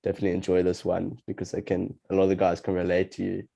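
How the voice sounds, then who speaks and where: Deep, creaky young South African man. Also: completely flat delivery, fast talker, dark tone. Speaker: podcast host. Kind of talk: casual chat.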